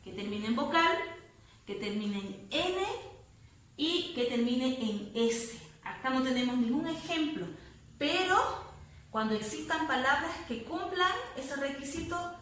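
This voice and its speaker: A woman teaching a grammar lesson, explaining patiently and repeating words slowly syllable by syllable. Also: sits high, expressive, fairly bright tone, far from the mic. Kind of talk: spanish grammar lesson to students. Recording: very echoey room, voice off-mic with faint noise.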